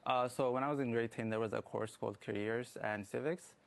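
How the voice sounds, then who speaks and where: A young man who grew up in Ethiopia, a student guest in a morning TV interview, speaking haltingly with many fillers. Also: mid-range voice, fairly even intonation, creaky. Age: young adult. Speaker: guest, student app developer.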